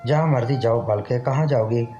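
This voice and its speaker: A man's voice: mid-range voice, fairly quick, dark tone, soft background music, natural voice. A man voicing a jealous, violent husband who accuses and rages, on a dull lo-fi recording. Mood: angry.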